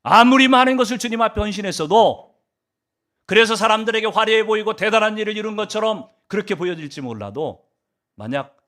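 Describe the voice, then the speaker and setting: A man's voice: high voice, a bit bright. A male pastor delivering a Sunday sermon, asking the congregation rhetorical questions and swinging his emphasis up and down.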